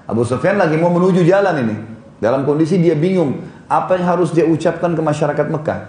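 An Islamic preacher tells stories in a casual religious lecture, pointing out places on a drawing and correcting himself along the way. He talks fast in a fairly high, slightly mellow voice, and the sound is reverberant.

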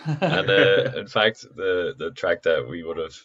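A man's voice: low voice, big pitch swings, unhurried, a bit bright, husky. A man from Dublin with an Irish accent, chatting casually as a musician guest over a dull, lo-fi call. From Dublin, Ireland. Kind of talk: casual group chat.

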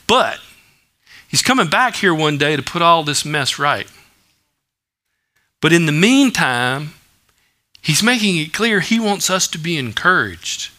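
A man preaches in a relaxed, conversational style, full of everyday stories and asides. His voice is bright and forward and sits a little high for a man. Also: a little slow, long pauses. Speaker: pastor. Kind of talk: sermon.

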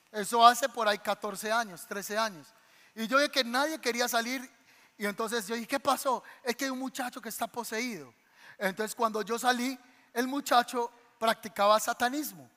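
A man preaching a sermon as pastor, telling a story with animated acted-out voices in a church. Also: very high-pitched, in a large hall. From Colombia. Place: church sanctuary.

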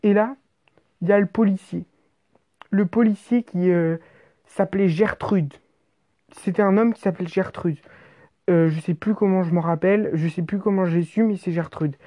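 A woman narrating an exaggerated comic story in an animated, slangy way, with swearing. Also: on the low side, normal speed, long pauses.

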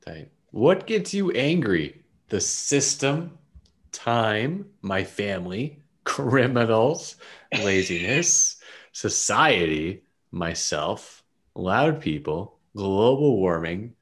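A man with a low voice and an unhurried, drawn-out delivery hosts a casual podcast. He reads long lists of quiz answers aloud and laughs as he goes. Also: big pitch swings. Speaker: podcast co-host.

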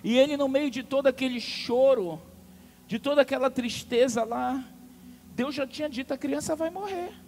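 A man's voice: extremely high pitch, fairly even intonation, moderate pace, darkish tone. A man preaching a sermon, telling the story dramatically and calling out to the congregation. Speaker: pastor.

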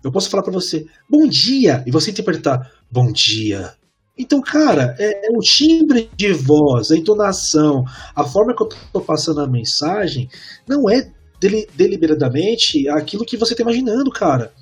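A man, telling a work story in a casual podcast chat and acting out the dialogue with animated energy. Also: high-pitched, a little fast, breathy edge, faint music behind. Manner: animated, acts out quoted dialogue. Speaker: podcast co-host.

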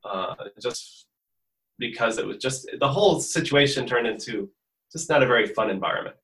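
A man's voice: mid-range voice, animated, normal speed, a bit bright, distant mic. A man born in the US and raised in Portugal, a musician answering interview questions earnestly and thinking aloud as he goes. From born in the US, raised in Portugal from fifteen. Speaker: musician guest. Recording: roomy echo.

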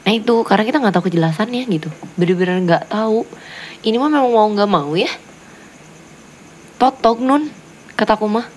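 A woman's voice: mid-range voice, fairly quick, long pauses, darkish tone, a little hiss or hum. A woman chatting casually, giving a friend earnest advice in long run-on stretches. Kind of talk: casual chat.

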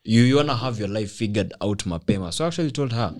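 Low-pitched young Kenyan man, slangy podcast host. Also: quick pace. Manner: animated, slangy, punctuates with tags. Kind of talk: casual chat mixed with slang.

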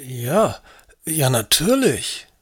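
A man voicing a nervous middle-aged lover who speaks quietly and hesitantly. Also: medium pitch, very animated, extremely slow, slightly rough, heavily acted. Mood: insistent. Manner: hushed, hesitant. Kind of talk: audiobook acting.

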